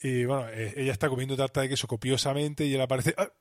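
A man from co-hosts a casual podcast, retelling scenes with lively acted-out bits. His pitch sits in the middle for a man. The sound is close and dry. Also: quick pace, no echo. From Spain. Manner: animated retelling with acted-out quotes. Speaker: podcast co-host.

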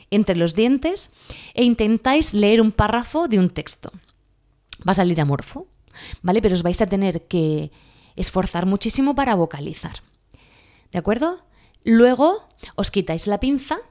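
A woman's voice: medium pitch, darkish tone. A woman with a Spanish accent from Spain, giving a casual spoken lesson with exam advice. She is chatty, laughs at herself and keeps asking her listeners if they follow. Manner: chatty, laughs at herself, asks "¿vale?" often.

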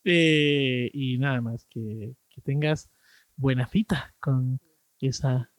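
A man's voice: medium pitch, slow pace, no echo, studio quality. A man hosting a podcast, chatty and friendly, with many fillers and easy laughter. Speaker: podcast host.

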